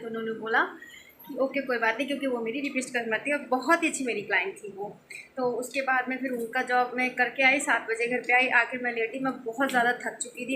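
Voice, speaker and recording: A woman's voice: sits high, bright, forceful tone. A woman vlogging in a casual comedic way, teasing and often laughing as she talks, outdoors. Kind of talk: casual comedy vlog narration. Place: outdoors, dusty and sunny. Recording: noisy background.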